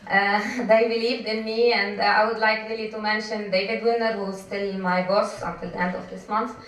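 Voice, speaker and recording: A woman's voice: medium pitch, level tone, moderate pace, a bit bright. A middle-aged woman from Lebanon speaking on a conference panel, hesitant and full of fillers, recorded in a hall. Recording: echoey hall, distant mic.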